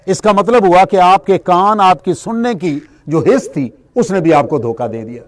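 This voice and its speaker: A man giving a spiritual lecture. He explains everyday examples and asks and answers his own questions. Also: high-pitched. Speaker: religious speaker.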